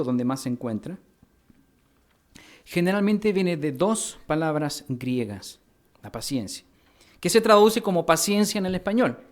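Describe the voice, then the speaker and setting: Mexican pastor man giving a sermon, kinda high voice, explains words step by step. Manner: teaching, spelling out words and asking the congregation. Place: church hall.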